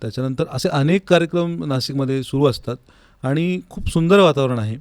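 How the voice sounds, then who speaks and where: In a recording studio, a classical vocalist from Maharashtra, India answers interview questions earnestly and conversationally as a guest, repeating words for emphasis. His medium-pitched voice is brisk, a little mellow, clear and resonant, and the recording is dry.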